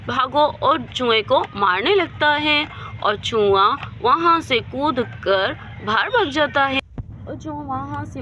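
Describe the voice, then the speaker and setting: A woman, narrating a homemade doll story in simple, plain steps. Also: sits high. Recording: dull lo-fi with loud background noise.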